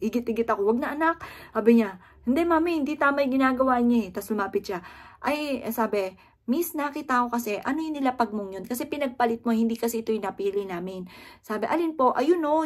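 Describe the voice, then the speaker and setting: A middle-aged woman from the Philippines telling a heartfelt personal story to her viewers, earnestly addressing them and quoting her family in her own voice. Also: fairly high pitch. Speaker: vlogger.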